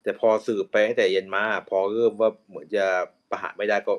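A man's voice: lowish voice, steady tone, fast. A man hosting a casual chat about a TV show, with dry, laid-back remarks. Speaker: podcast host. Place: voice chat call.

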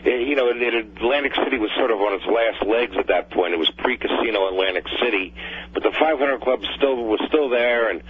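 A man's voice: medium pitch, fairly quick. An older man from New Jersey, heard over the phone as a caller on a radio talk show, reminiscing in a hesitant way with many fillers and restarts. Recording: dull phone line with faint hum.

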